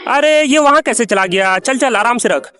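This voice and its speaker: A man voicing every character in a comedy sketch, with loud exclamations and scolding banter. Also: very high-pitched, animated, normal speed, clear, resonant tone. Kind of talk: comic sketch dubbing, all characters.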